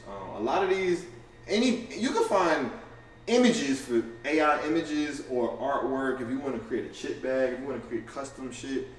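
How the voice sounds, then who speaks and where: A man in a casual livestream to camera, talking fast and loosely with lots of slang, profanity, restarts and "you feel me" asides. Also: mid-range voice, slight background noise. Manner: fast and offhand. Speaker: content creator going live. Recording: roomy, distant camera audio with faint ambience.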